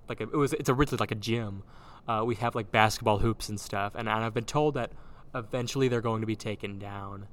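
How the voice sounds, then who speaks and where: A man's voice: mid-range voice, a bit bright, clean tone. A man hosting a casual chat, talking with many ums and restarts, recorded in a big echoey old gym with no soundproofing. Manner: rambling, full of ums and restarts. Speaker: podcast host, theater director. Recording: roomy hall echo, faint background hum.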